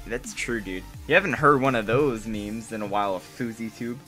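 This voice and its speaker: Co-hosting a relaxed live podcast, a man with a lowish, sharp-toned voice rambles along at normal speed, packing his easygoing talk with fillers. Faint music plays behind him.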